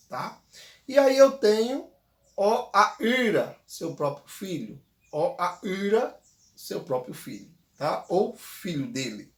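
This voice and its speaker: A man teaching a grammar lesson, patiently repeating words slowly so the viewer can say them back. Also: sits high, echoey room. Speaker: Tupi language teacher.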